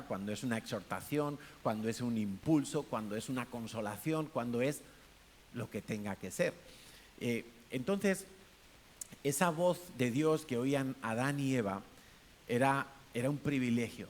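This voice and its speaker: In a church hall, a man with a Peninsular Spanish accent preaches a conversational sermon, asking the congregation questions and acting out different tones of voice. His voice is on the high side, with faint hiss in the recording.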